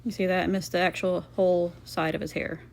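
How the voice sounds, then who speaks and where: A woman's voice: on the low side, level tone, fairly quick, gravelly, a little mellow. A woman giving casual, rambling craft voice-over commentary as host, playfully sarcastic and self-deprecating.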